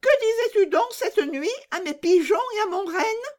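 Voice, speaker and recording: A woman's voice: animated, normal speed, a little mellow. A woman voicing a fierce, wild little robber girl who bosses others and threatens with a knife, in a storybook reading. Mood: menacing bossy. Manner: shrill, bossy and menacing.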